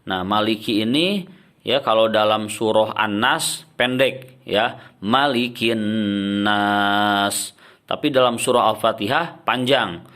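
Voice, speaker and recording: A man teaching Quran recitation, explaining common mistakes and then chanting verses in a slow, drawn-out way. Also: on the low side. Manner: ends points with soft drops "ya", "nah".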